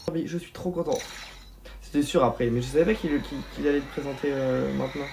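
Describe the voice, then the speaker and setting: A young man reacting live to a game showcase, talking straight to his viewers and breaking into excited outbursts. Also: mid-range voice, fast talker, gravelly, a little hiss or hum. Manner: excitable, bursts into shouts of delight; talks straight to viewers as "les gars".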